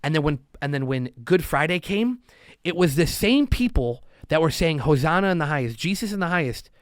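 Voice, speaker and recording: A man's voice: fairly high pitch, brisk, no room sound, clean studio sound. A man talking as a podcast guest, telling stories in a loose chatty way and acting out the voices of the people he quotes. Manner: animated storyteller, acts out quotes. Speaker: podcast guest, loan officer. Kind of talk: casual conversation.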